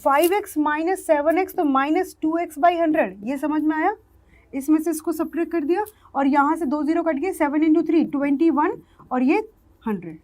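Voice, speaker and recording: A woman's voice: high-pitched, normal speed, a little mellow. A woman maths teacher, explaining step by step and putting questions to her students. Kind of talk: online maths lesson.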